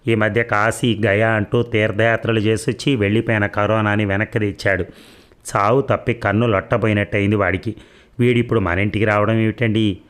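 A man voicing a sharp-tongued, anxious housewife in her sixties who scolds and mocks in a sarcastic way. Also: on the low side, little pitch movement, fairly quick, close to an everyday voice. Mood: scolding, worried.

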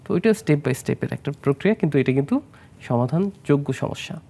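His voice is a little high, dark and creaky, and he speaks animatedly at a slightly fast clip. He is a Bangladeshi plastic surgeon guesting on a studio health interview, explaining treatments, mixing in English medical terms, and asking the host questions.

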